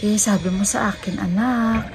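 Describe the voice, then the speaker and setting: A woman's voice: medium pitch, fairly even intonation, moderate pace, a little mellow. A woman chatting casually to her vlog viewers, calling them "guys" again and again. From Western Visayas, Philippines. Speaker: vlogger. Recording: noisy background ambience.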